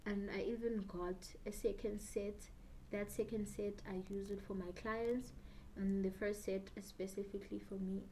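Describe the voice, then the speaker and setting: A woman's voice: medium pitch, little pitch movement, normal speed, dark tone, a little hiss or hum, poor audio. A slightly tipsy South African woman in her twenties chatting casually and ramblingly while doing her makeup, switching between English and Zulu. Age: 20s. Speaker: beauty YouTuber. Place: small bedroom indoors.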